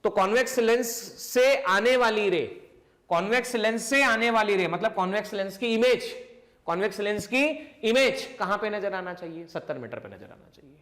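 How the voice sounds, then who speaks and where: High-voiced guy teaching physics, keeps asking then answering his own questions. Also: expressive, a bit bright. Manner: repeats questions and answers them himself; slows down to stress key points. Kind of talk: classroom lecture.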